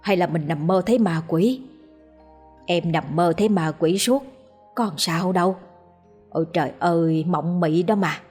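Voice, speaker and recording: A woman voicing a practical village wife who talks in a hushed, scolding, reassuring way. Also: on the low side, measured pace, long pauses, slightly rough, soft background music. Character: practical village wife, soothing but firm.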